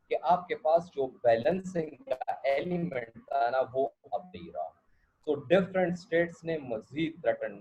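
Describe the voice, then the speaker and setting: A man's voice: mid-range voice, warm tone, slightly rough. A male lecturer, teaching a class and often checking that students follow, with English asides. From Pakistan. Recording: dull lo-fi recording.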